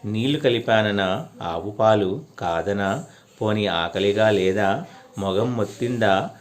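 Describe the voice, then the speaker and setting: A man's voice: lowish voice, takes it slowly. A man voicing a little girl who coaxes and pleads with a deity in a devotional story. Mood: pleading. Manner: pleading, coaxing.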